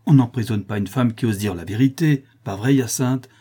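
A man's voice: mid-range voice, normal speed, dark tone, husky, natural voice. A man voicing a cunning schemer who gives firm, persuasive orders in an audiobook. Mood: commanding. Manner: commanding, persuasive.

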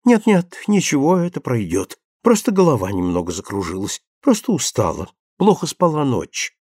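A man's voice: mid-range voice, wildly swooping pitch, moderate pace, a little mellow, breathy edge, no echo, studio quality. A man voicing a pale young woman who sounds weak and flustered. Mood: faint.

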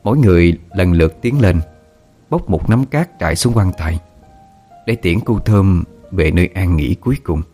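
A man narrating a story in a steady, somber way. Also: deep voice, moderate pace, faint music behind. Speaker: audiobook narrator.

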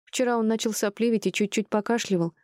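A woman's voice: fairly high pitch, steady tone, fast talker, darkish tone, dry recording, studio quality, voice pushed up, close to an everyday voice. A woman voicing a tired, anxious young daughter-in-law explaining herself.

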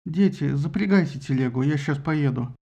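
A frantic old king in a storybook reading, his voice pushed high and loud, as a man puts him on. He barks orders querulously, hoarse with grief and temper. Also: moderate pace. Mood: grumpy. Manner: shrill shouting, querulous. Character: old grieving king, grumpy and hysterical.

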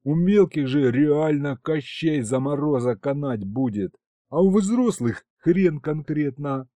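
A rowdy imp thug full of street slang, put on by a male audiobook reader. The voice sits higher than the narrator's and swings wildly as he bellows and whines. Delivered dry and close. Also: animated, slow pace, no room sound. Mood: whining bluster. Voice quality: loud street-slang bluster. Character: rowdy gangster imp warrior, loud, slangy. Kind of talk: audiobook character voice.

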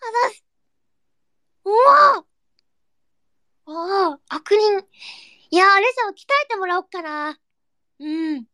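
A young woman hosting a casual live audio chat, reading listener comments in a cutesy, excitable way and breaking into squeals and giggles. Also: extremely high pitch, measured pace, no echo, studio quality. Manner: cutesy, baby-talk endings.

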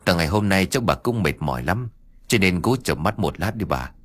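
A man voicing a gentle, grieving middle-aged father who talks in a patient, soothing way. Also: low voice, big pitch swings, brisk, husky, dry recording, full character voice. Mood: coaxing.

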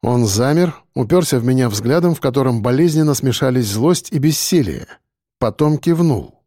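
Male audiobook narrator, dark tone. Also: mid-range voice, expressive, normal speed, no echo, studio quality. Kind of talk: first-person audiobook narration.

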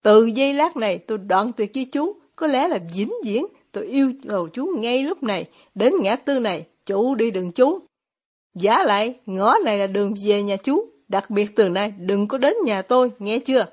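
Woman reading as tormented young man in an audiobook, sharp, agitated, husky high voice. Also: lively intonation, moderate pace. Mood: cold. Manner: sharp outbursts, stammering questions.

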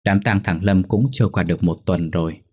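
A man narrating a ghost story in a somber, steady manner. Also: low voice, a little fast.

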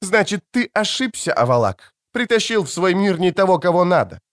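A male audiobook reader voicing a defiant, hot-tempered young woman who answers with sharp, mocking retorts. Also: high voice, big pitch swings, moderate pace, dry recording, clean studio sound, voice pushed up. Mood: furious mocking. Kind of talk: audiobook character reading.

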